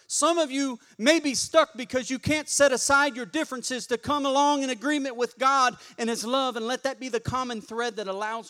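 High-voiced preacher man. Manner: call-and-response preaching, colloquial and animated. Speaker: pastor. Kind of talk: sermon.

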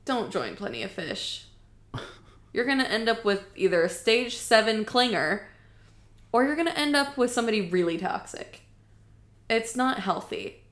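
A woman's voice: a little high, vocal fry. A woman in her twenties co-hosting a casual chat, talking in a chatty way with lots of filler words and frequent laughs. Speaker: podcast co-host. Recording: echoey room.

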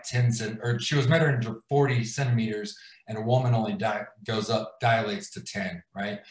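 Guest hosting a live stream, a man in his thirties rambles through a personal story full of fillers and restarts. His voice is fairly low, picked up from away from the mic with a roomy sound.

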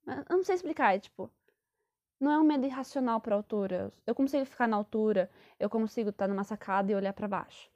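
A woman's voice: on the high side, animated, fast talker, darkish tone. A young Brazilian woman, casually telling a rambling personal story and correcting herself as she goes. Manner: chatty, rambling, self-correcting. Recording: dull lo-fi sound.

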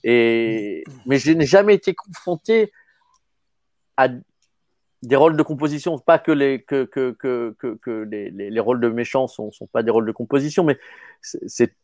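A man in his fifties, an actor talking casually in an interview, often halting and repeating words. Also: medium pitch, darkish tone, no echo, clean studio sound. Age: 50s. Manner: halting, stammering repetitions. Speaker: actor guest.

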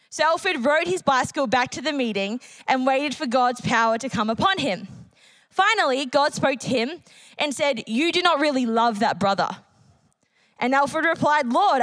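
A woman's voice: sits high, fairly bright tone, dry recording, low-quality recording. A woman preacher giving an earnest sermon at a church service, reading out a testimony and repeating key phrases for emphasis. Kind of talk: sermon with a read-aloud testimony.

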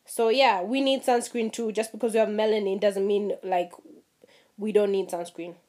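A young woman from Kenya ranting casually to her viewers, animated and laughing, swearing freely and mimicking people. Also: moderate pace. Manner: animated, swearing, mimics others in high voices, laughs at herself. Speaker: vlogger. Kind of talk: casual rant to camera.

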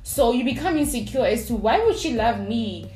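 A woman's voice: a little high, moderate pace. A woman talking on a casual panel discussion, chatty with lots of "like". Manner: chatty, animated, many "like" fillers. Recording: roomy studio with music bed.

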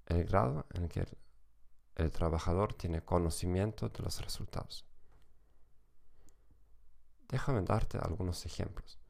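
Podcast lecturer, male, German accent, notably deep with heavy vocal fry, reading educational script carefully phrase by phrase. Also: unhurried, long pauses, a little mellow. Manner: non-native, careful phrase-by-phrase delivery. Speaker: psychology podcast host and lecturer.

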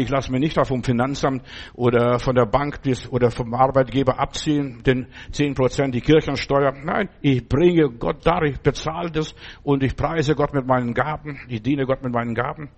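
A man's voice: mid-range voice, steady tone, moderate pace. A man preaching a sermon emphatically, repeating phrases and checking in with "ja?". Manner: emphatic, repetitive preaching with tag questions.

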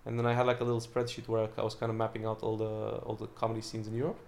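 Young British comedian, quick rambling chatter, restarts a lot. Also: male voice, fairly low pitch, monotone, darkish tone, a little hiss or hum. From Britain. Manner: rambling, fast, lots of fillers and restarts. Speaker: stand-up comedian. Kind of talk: casual chat.

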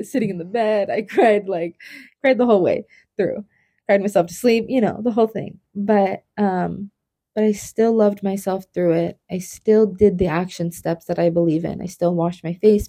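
A woman co-hosting a podcast, talking softly and reflectively in casual chat about a hard personal time. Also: mid-range voice, husky. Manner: soft-spoken, emotional, reflective. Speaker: podcast co-host.

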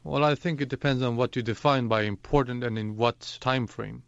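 Deliberate man from Iran, dull remote line. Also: mid-range voice, gravelly, smooth, no echo. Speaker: news editor guest. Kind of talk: panel discussion answers. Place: remote location outside the studio.

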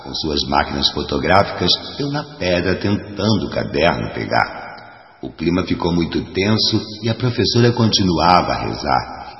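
A man recites a rhymed story in a very low voice that rises and falls dramatically. His voice sounds dull and lo-fi, and it hangs in an echoey space with long reverb. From Rio de Janeiro, Brazil.

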